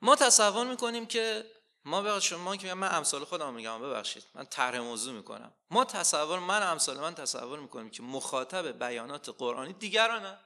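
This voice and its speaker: A man preaching a sermon, asking rhetorical questions and slowly quoting scripture with rising emphasis. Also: on the high side, lively intonation, bright, forceful tone.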